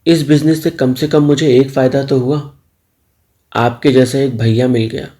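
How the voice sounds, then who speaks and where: Guy doing a teasing young milkman, playful, low gravelly mellow voice, storybook. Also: fairly even intonation, normal speed, lightly acted. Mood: bashful. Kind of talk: storybook dialogue.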